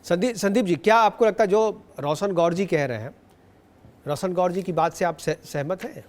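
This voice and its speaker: A man's voice: high voice, normal speed, darkish tone. A man anchoring a televised panel debate, putting pointed questions to guests and cutting in often. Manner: probing, interjecting.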